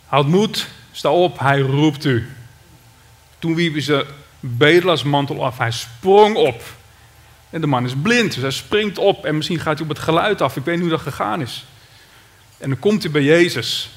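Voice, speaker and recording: A man's voice: on the high side, moderate pace. A man with a Dutch accent preaching a sermon, reading scripture and retelling it with dramatic cries. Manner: dramatic, shouts out the beggar's cry.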